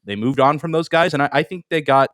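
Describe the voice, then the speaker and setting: A man's voice: on the high side, fast talker, a bit bright, dry recording, studio quality. A man co-hosting a sports podcast in casual chat, often repeating his first words as he thinks aloud. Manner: repeats words at the start of phrases, hedging. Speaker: podcast co-host.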